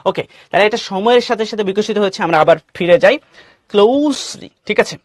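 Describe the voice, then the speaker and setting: High-voiced Bangladeshi teacher, dry sound. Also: male voice, fast, dry recording. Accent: Bangladeshi Bengali. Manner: asks questions and reads out student names; mixes English phrases into Bengali teaching. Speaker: English teacher. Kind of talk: online class lecture.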